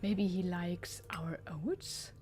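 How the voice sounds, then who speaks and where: A woman's voice: lowish voice, steady tone, very slow. A woman giving casual let's play commentary, musing and thinking aloud as she goes.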